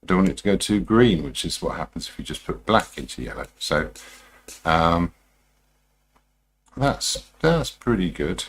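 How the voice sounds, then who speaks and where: A man talking through a live demonstration as a painting instructor, informal and unhurried, muttering his thoughts to himself as he works. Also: sits low, expressive. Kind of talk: TV painting instructor style, musing aloud while demonstrating.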